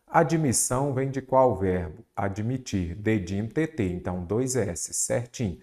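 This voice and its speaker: A man with a fairly low, mellow, expressive voice teaches Brazilian Portuguese exam prep at a measured pace, working through questions aloud. He poses and answers his own questions, stretches important words for emphasis, and returns to a mnemonic again and again.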